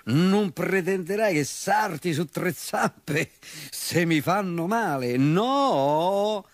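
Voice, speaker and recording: A man voicing a boastful, lazy and dim-witted bull in a storybook, bragging loudly in rhymes. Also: sits high, animated, extremely slow, no echo, pitched above the performer's own voice, heavily acted. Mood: excuse-making. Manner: loud bragging sing-song rhymes.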